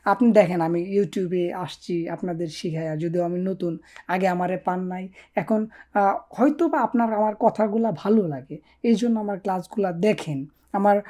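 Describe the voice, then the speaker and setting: A woman teaching a casual online language lesson, with a mellow, warm-toned voice at a middling pitch. She coaxes her learners along, keeps checking that they follow, and slows right down whenever she models a practice sentence. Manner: coaxing, repeats "ঠিক আছে?" to check on learners.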